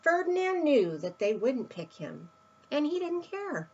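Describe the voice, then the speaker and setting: Her voice sits high and is very animated yet a little mellow, and she reads at a measured pace through dull audio. It's a read-aloud children's picture book, delivered expressively with emphatic stresses and asides to the young audience.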